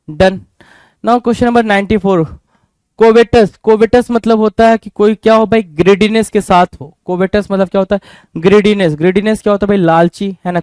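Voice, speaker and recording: A man's voice: sits high, darkish tone, clear, resonant tone, no room sound. An Indian man teaching an exam-prep vocabulary lesson, asking questions and answering them himself, repeating each word as a drill. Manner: repetitive, drilling.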